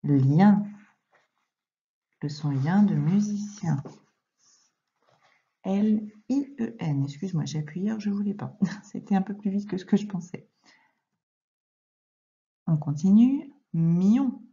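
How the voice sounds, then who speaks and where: A woman teaching young children to read, speaking slowly and clearly and addressing the child directly as she dictates. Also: mid-range voice, warm tone, lo-fi sound. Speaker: primary school teacher. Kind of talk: recorded reading lesson and dictation for young children.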